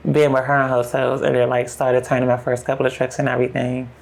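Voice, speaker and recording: Gravelly young woman telling her story frankly. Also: extremely low pitch, monotone, fast talker, a little mellow. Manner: frank, run-on retelling with acted-out quotes. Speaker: podcast guest. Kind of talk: candid personal storytelling.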